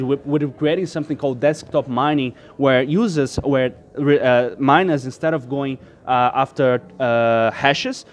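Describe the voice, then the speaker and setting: A man from Brazil, guest in a casual tech interview, explains his startup's technology at an easy, rambling pace. His voice sits at an ordinary middle pitch. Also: darkish tone, slight background noise. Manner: explanatory, loose, full of "like" and restarts.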